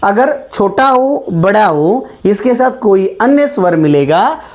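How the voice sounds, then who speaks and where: A man's voice: high voice, lively intonation, darkish tone. A man teaching a grammar lesson, patiently repeating sounds and asking his students questions as he goes. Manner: slow and patient, repeats key sounds and asks rhetorical questions. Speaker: Hindi teacher.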